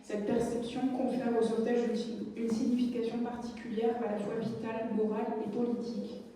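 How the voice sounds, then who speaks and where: A woman's voice: on the high side, flat delivery, a little fast, mellow, slight background noise. A young French woman, a doctoral researcher, giving an academic lecture from notes, often breaking off with fillers and self-corrections. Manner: reads a prepared text, then digresses with many fillers and self-corrections. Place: lecture hall. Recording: distant, echoey lecture hall recording.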